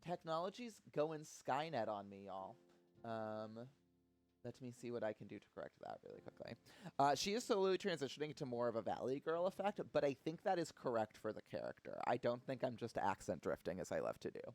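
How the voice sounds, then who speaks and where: A man's voice: medium pitch, wildly swooping pitch, brisk, creaky, darkish tone. A man chatting casually on a live stream in a playful, self-mocking way over faint music.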